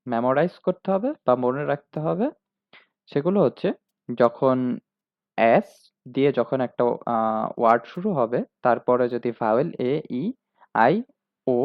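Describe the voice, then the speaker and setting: Guy teaching german, gravelly voice, lots of ahs, kinda dull dry recording. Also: mid-range voice, dry recording. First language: Bengali. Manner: spells each letter, then says the sample word slowly; hesitant, frequent "ah" fillers. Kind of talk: lesson.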